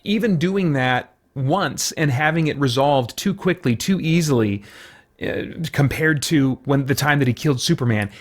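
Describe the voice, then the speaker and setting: Hosting a comic book review show, a man with a medium-pitched voice speaks at a normal pace. His commentary is casual and unscripted, and he hunts for words while thinking aloud.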